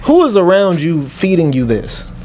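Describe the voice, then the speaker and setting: A man's voice: on the high side, very animated, moderate pace, a little mellow, faint music behind. A man hosting a casual interview, speaking informally and encouragingly and often addressing the viewers directly. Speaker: interview show host.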